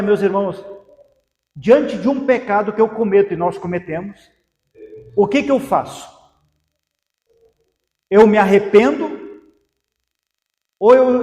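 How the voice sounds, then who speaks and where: A man's voice: high-pitched, darkish tone. A man with a Brazilian Portuguese accent preaching a sermon as pastor, asking repeated rhetorical questions. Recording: echoey hall with long reverb.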